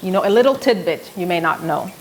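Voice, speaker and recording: Quick-paced and animated, this lowish female voice comes over background noise. The speaker, a woman in her thirties from South Sudan with a South Sudanese accent, hosts a live show from her home kitchen, chatting and storytelling as she cooks; a tripod-mounted camera records her from medium distance.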